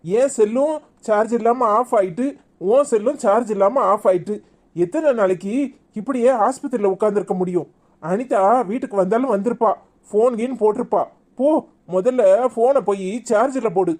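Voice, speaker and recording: A woman voicing a calm, practical grown son in a cartoon serial, with a Tirunelveli accent and a plain, bossy manner. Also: a little high, normal speed, natural voice. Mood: firm. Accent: Tirunelveli Tamil.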